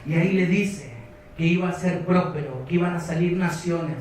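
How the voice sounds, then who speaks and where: A man's voice: on the high side, normal speed, a little mellow, a little hiss or hum. A man with a Rioplatense Spanish accent preaching a sermon as pastor, retelling a story and exhorting his congregation. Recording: echoey hall, distant mic.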